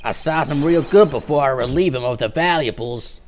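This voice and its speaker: A man's voice: medium pitch, moderate pace, a little mellow, slight background noise, lightly acted. A man voicing a cocky small-time pickpocket in a video game, with folksy street slang and dropped consonants.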